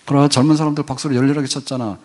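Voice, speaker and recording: A man's voice: medium pitch, level tone, rapid-fire, darkish tone. An older man preaching a sermon as pastor in a church, folksy and conversational, rising to emphatic peaks. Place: church sanctuary.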